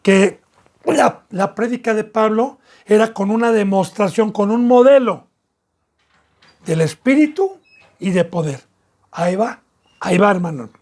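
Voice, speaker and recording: A man's voice: high voice, measured pace, pauses often, a little mellow. A man with a Mexican accent preaching a sermon as pastor, with emphatic, repetitive phrasing that rises in bursts.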